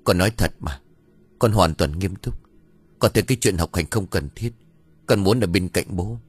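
A man's voice: deep voice, moderate pace, husky, dry recording. A man voicing an earnest young eldest son who pleads with his grieving father. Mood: earnest pleading.

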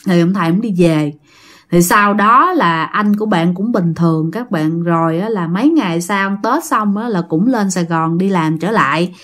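A woman's voice: on the low side, normal speed, a bit bright. A woman telling listener-sent ghost stories as a channel host, chatty and often talking straight to her audience. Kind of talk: told ghost story narration.

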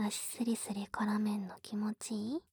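Woman doing whispered role-play pillow talk, super breathy n soft, mellow, teasing and coaxing, takes it slow. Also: mid-range voice, flat delivery, a little hiss or hum.

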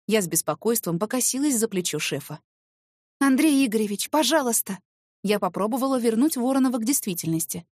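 A woman reading a first-person novel as an audiobook narrator, with expressive storytelling. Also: a little high, quick pace, hardly any pauses, no room sound, studio quality.

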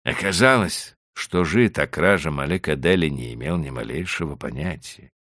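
A man narrating a classic short story for an audiobook in an expressive storytelling manner. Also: rumbling low, normal speed, dry recording, studio quality. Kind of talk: scripted narration.

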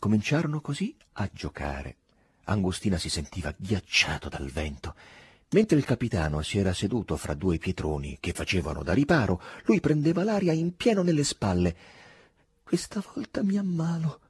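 A man narrating a literary novel in an expressive, measured reading. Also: low voice, slightly rough, no room sound, clean studio sound. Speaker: audiobook reader.

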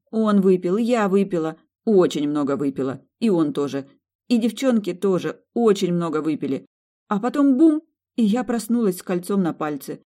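A woman's voice: mid-range voice, warm tone, voice pushed up, close to an everyday voice. A narrator voicing a young woman doctor, flustered and eager to please, pleading and apologetic in an audiobook.

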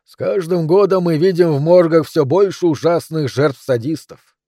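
A grave doctor, acted by a male reader, speaks slowly and deliberately. The voice is mellow and dark, and the recording is dry. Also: on the high side, dry recording, pitched above the performer's own voice. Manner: slow, measured delivery.

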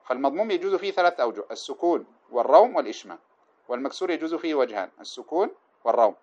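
A man teaching a class on an old didactic poem, chanting the verses slowly and then explaining them in quick, plain lecture speech. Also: fairly high pitch, sing-song, darkish tone. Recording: dull lo-fi lecture recording.

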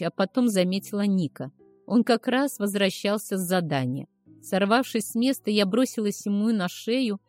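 A woman's voice: medium pitch, a little mellow, dry recording. Woman reading a story, dry and close. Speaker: audiobook narrator. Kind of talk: scripted first-person narration.

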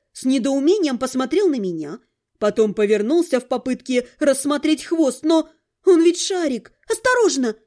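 A woman reading a first-person audiobook with expressive, lively storytelling. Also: high voice. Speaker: audiobook narrator.

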